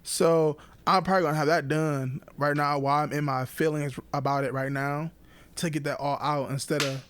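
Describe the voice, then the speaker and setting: A young man co-hosting a podcast, talking casually and haltingly with frequent restarts and laughs. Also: fairly high pitch, fairly even intonation, a bit bright, clean tone, no echo. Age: young adult. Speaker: podcast co-host. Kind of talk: casual chat.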